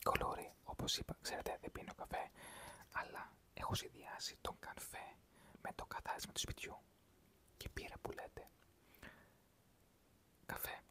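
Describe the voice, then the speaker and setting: An ASMR creator whispering a rambling, gentle chat to viewers, mixing calming affirmations with everyday stories. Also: long pauses.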